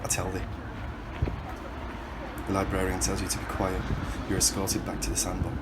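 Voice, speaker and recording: A man from Hull, England, reading his own literary prose in the second person with a measured, reflective, questioning delivery. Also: low voice, completely flat delivery, heavy background noise.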